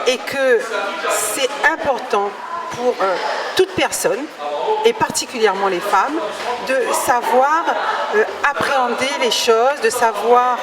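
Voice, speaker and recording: A woman speaking as a municipal sports official, halting with frequent fillers. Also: fairly high pitch. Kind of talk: interview statement. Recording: distant mic amid crowd. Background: crowd.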